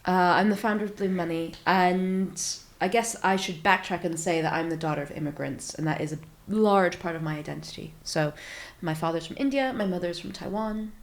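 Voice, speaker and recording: A brisk, fairly low-voiced American woman in her thirties, a startup founder from Silicon Valley, California, chats as a guest in a casual interview with few pauses. She tells her stories animatedly, acting out her own reactions and using many fillers.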